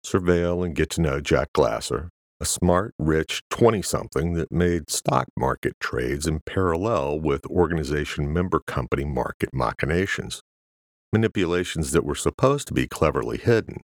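A man narrating a thriller audiobook in a steady, measured storytelling manner. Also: very deep voice, no echo, studio quality. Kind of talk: scripted narration.

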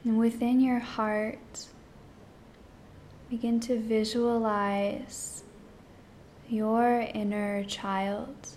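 A woman leading a guided meditation in a soft, hushed, partly whispered voice, speaking in short phrases with long pauses. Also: a little high, flat delivery, a little hiss or hum.

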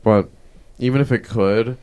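A man's voice: mid-range voice, measured pace, mellow, clean tone. A young man chatting casually as a podcast co-host, feeling his way through loose, hesitant sentences. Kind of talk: casual chat.

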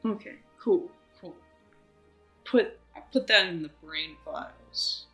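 A woman playing a tabletop game, casual, curious and quick to swear. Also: fairly low pitch, bright, forceful tone, reverberant, faint music behind. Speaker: player.

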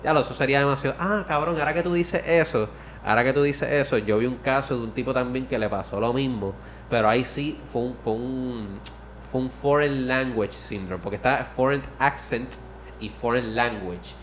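A man in loose podcast chat, circling back on his own words and swearing freely. His voice sits at a middling pitch, with a faint hiss in the room. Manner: rambling, swears often, restarts mid-sentence. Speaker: podcast co-host. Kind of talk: casual chat.

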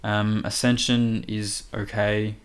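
A man analysing horse races casually, in a halting, hesitant manner. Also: on the low side, flat delivery, clean tone. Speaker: racing podcast tipster. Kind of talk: casual analytical racing chat.

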